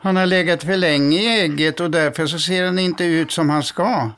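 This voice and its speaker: A man's voice: a little high, fairly even intonation, a bit bright, pitched above the performer's own voice. A man reading aloud, voicing a bossy, anxious mother duck who hurries and fusses. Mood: defensive. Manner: hurried, fussing, defensive.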